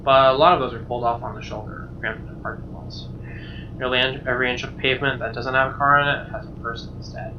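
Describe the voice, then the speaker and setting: Reading game narration from a visual novel, a male streamer keeps things conversational, occasionally tripping over lines and tossing in casual remarks. His medium-pitched voice stays level and quick, recorded muffled and from a distance, with guitar music and other noise behind him.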